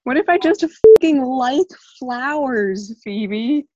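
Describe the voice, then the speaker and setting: A woman's voice: high voice, animated, slow pace, a little mellow, no echo. A woman podcast co-host who cuts in with blunt, sarcastic remarks. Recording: dull, lo-fi sound.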